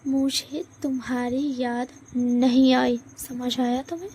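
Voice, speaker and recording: A woman voicing a cold, terse young man who speaks in short, flat lines. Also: high voice, slow. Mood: curt.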